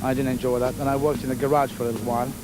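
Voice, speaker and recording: A middle-aged man from Kenya, a navy petty officer answering interview questions in an unhurried, hesitant way with many fillers. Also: mid-range voice, flat delivery, music in the background, poor audio.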